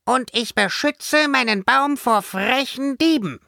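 A man's voice: very high-pitched, slow pace, gravelly, pushed and bright, no echo, studio quality, voice pushed up, full character voice. A man voicing a small fairy girl guarding her tree, sweet and then scolding. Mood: stern. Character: cheerful little fairy girl, turning stern.

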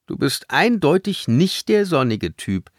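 A man's voice: a little high, sing-song, measured pace, no room sound, studio quality, pitched above the performer's own voice. A man voicing a cheerful, easygoing boy. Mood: pleased. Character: young boy, easygoing and amused.

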